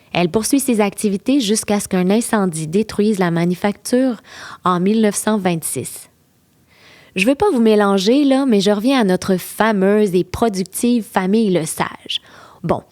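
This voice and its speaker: A woman's voice: mid-range voice, darkish tone, no echo. Playful Québécois woman narrating a tour. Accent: Québécois French. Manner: playful, enthusiastic, teasing asides to listeners. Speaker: podcast host and tour guide. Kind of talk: scripted narration of a history walking tour.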